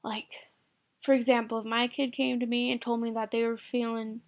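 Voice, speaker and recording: Late at night, a sleepy woman with a highish voice yawns as she gives loose, rambling advice to camera. Her delivery is flat and at normal speed, full of "like" and casual swearing.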